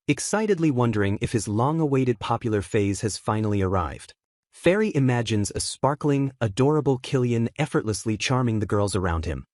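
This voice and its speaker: A man giving scripted recap narration in a steady, even storytelling delivery. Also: medium pitch, no room sound, studio quality.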